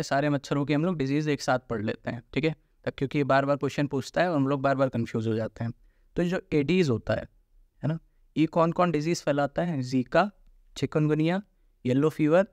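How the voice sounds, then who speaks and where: A man's voice: on the high side, a little mellow, no room sound. Man teaching casually, dry close sound. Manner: informal, repeats tag questions, mixes English terms. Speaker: exam coaching teacher. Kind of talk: casual explanatory lesson.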